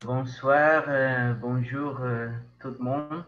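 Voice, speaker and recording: Man, foreign Brazilian accent, Portuguese native, very slow and hesitant, repeats words, medium pitch, dull call audio. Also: steady tone. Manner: halting, searching for words, repeats himself. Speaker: doctoral student sharing feedback. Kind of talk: informal sharing in an online meeting. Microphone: video call.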